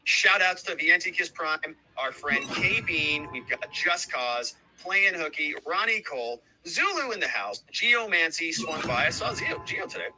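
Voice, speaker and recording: A man's voice: fairly high pitch, very animated, a little slow, hardly any pauses, music in the background, rough recording. A middle-aged man hosting a livestream, chatting casually and thanking viewers by name between asides. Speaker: livestream host.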